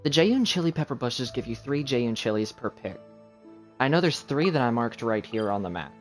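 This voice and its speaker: Very animated at a moderate pace, a man with a mid-range voice rambles self-deprecatingly while gaming on a livestream. Soft game music sits under his casual chatter.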